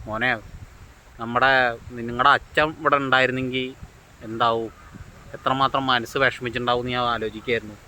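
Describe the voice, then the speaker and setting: Man putting on a grieving widowed mother, low soft lament, quick-spoken. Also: fairly even intonation, a little hiss or hum, rough recording. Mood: sorrowful.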